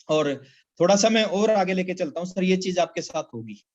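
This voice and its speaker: A man giving a motivational business talk in a webinar, emphatic and repetitive, often addressing listeners as sir. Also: high-pitched. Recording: slightly dull lo-fi audio.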